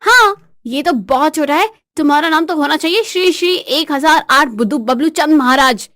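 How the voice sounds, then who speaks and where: A woman voicing a bratty, defiant young newlywed wife in a bedtime storybook tale, cheeky and shrill. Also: lively intonation, a little fast, no echo, clean studio sound.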